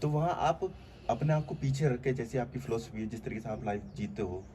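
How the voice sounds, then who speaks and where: Speaking fairly quickly in a warm, medium-pitched voice, a channel host earnestly works through his thoughts in casual conversation. He reflects at length, leans on plenty of fillers, and there's faint background noise.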